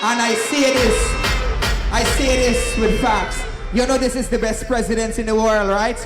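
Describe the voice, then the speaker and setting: A Guyanese man works a rally crowd with shouted, repetitive exhortations. His voice is very high and echoes from the stage, with loud music blasting behind him. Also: fairly even intonation, unhurried. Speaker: performer hyping up a political rally. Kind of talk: shouted stage hype and crowd call-outs. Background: loud music and cheering crowd.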